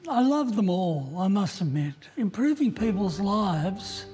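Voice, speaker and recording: Slow, soft-spoken older man. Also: high-pitched, sing-song, husky, faint music behind. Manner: slow, halting, candid. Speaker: Salvation Army officer. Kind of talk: interview.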